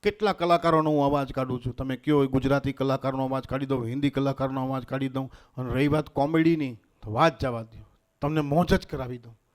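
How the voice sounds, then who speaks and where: A man, a stage comedian and mimic, talking in a lively, teasing way and drawing the crowd in. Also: medium pitch, a little fast. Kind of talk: stand-up comedy at a religious gathering. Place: stage at a festival gathering.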